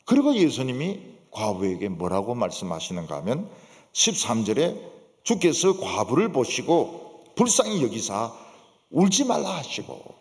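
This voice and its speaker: Gyeongsang accent pastor guy, super swingy lively delivery, big echoey church. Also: mid-range voice, unhurried. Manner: animated, emphatic, rhetorical questions, frequent "yes" affirmations. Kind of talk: sermon. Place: church sanctuary. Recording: long church reverb.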